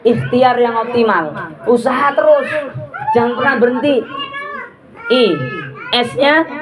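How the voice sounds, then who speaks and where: A woman giving a religious talk to a group of women, lively and chatty, often asking her listeners questions. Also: medium pitch. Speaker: religious teacher. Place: prayer gathering hall with audience. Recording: audience murmur behind.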